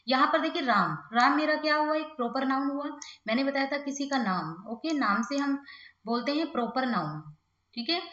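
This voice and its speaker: Woman, grammar teacher, high-pitched, echoey room, slightly dull sound, frequent "okay" check-ins. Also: a bit bright. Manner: says 'okay' and 'theek hai' often, slows right down for English examples. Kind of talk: online lesson in Hindi mixed with English.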